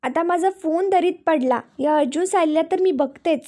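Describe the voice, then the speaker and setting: A woman's voice: extremely high pitch, normal speed, warm tone. A woman reading a sly scheming young woman.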